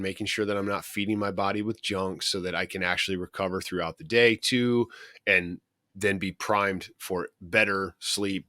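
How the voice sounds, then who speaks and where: A man with a very low voice that still cuts through with a bright, forceful edge. He talks casually and agreeably as a podcast co-host, and the sound is close and dry with no room echo. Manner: agreeable, quick affirmations while listening. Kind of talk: casual chat.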